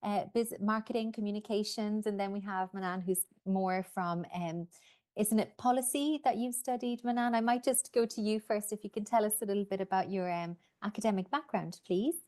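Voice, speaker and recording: A woman's voice: medium pitch, moderate pace, dark tone. Upbeat woman hosting an info session. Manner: friendly, upbeat interviewer. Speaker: admissions officer, session host.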